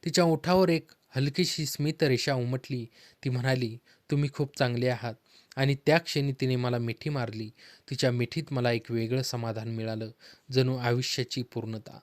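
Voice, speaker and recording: A man narrates a heartfelt story in the first person, calm and steady, at a middle pitch. The voice sounds dry and close, with no room around it. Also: normal speed, no echo.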